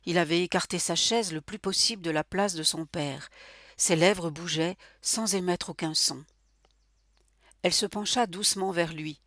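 A host narrating a scripted literary program and reading passages aloud in a measured, expressive way. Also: medium pitch, dry recording, clean studio sound.

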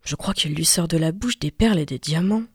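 A woman voicing a scheming peasant mother with a shrill, exclaiming manner, in a fairy-tale reading. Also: brisk, darkish tone, husky, dry recording, clean studio sound. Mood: coaxing.

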